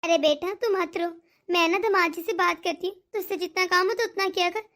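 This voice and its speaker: A woman voicing a worried aging mother in a cartoon, gentle and coaxing. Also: very high-pitched, fairly even intonation, fairly quick. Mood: soothing. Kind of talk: cartoon dialogue.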